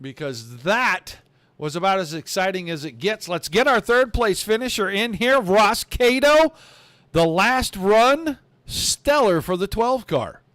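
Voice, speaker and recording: A man's voice: high-pitched, no room sound. A man calling the finish of an online stock car race and then interviewing drivers as the host. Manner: fast, excitable play-by-play. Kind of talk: excited race commentary.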